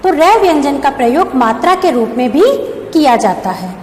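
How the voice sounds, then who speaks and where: A woman's voice: high voice, big pitch swings, moderate pace, a little mellow. A woman school teacher giving a grammar lesson, explaining step by step and asking and answering her own questions. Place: classroom or school room. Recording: echoey room with long reverb, faint background hum.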